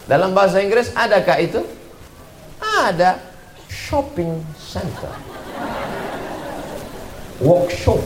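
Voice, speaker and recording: A man giving an animated religious lecture as a preacher, breaking into slow chanted recitations. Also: high-pitched, echoey room, some chatter behind, slight background noise. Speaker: Islamic preacher.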